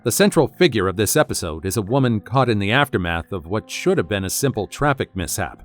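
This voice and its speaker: Low-voiced man narrating a wry story. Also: sing-song, brisk, soft background music. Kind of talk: scripted narration.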